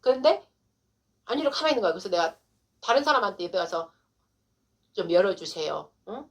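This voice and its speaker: A woman's voice: mid-range voice, very animated, a little fast. A middle-aged woman pastor telling an emotional testimony in a sermon, acting out her own prayers and arguments.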